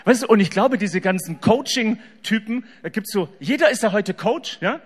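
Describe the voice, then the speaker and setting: A man giving a humorous faith talk to an audience, telling stories in an animated way that swings between loud and soft, in a reverberant hall. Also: high voice, normal speed, slightly rough.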